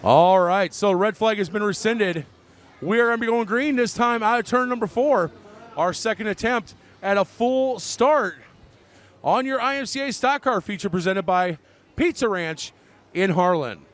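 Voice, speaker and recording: A man giving excited live motorsport commentary as a track announcer, calling the action in bursts and raising to a shout at big moments. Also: high-pitched, moderate pace.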